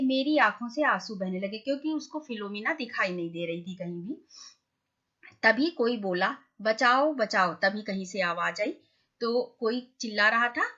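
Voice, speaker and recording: Bright-voiced woman teaching a class. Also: a little high, muffled recording. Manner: explains each line with questions to the class. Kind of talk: reading and explaining a school lesson to children.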